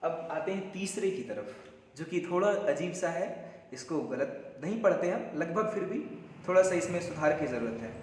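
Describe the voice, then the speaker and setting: A man's voice: a little high, lively intonation, moderate pace, darkish tone. A man teaching English pronunciation at a board, speaking Hindi with English words mixed in and repeating each word to drill it. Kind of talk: classroom lesson at a board. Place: room with a board. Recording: echoey room with long reverb and faint background hiss.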